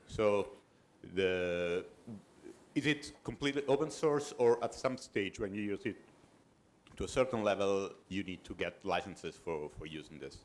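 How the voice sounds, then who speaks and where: A man in the audience asking a long question, pausing often with hesitant fillers. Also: sits low. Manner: hesitant, many "uh" pauses.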